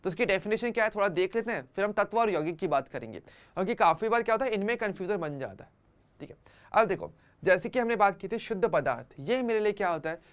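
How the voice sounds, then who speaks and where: A man's voice: high voice, animated, fast talker. A man teaching an online chemistry class for exam students, conversational, using everyday examples and often checking that students follow.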